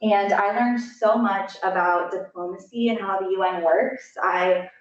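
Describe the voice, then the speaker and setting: A young woman student calmly explaining her internship work. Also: mid-range voice, measured pace. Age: young adult. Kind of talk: presentation. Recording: echoey, distant, dull lo-fi sound.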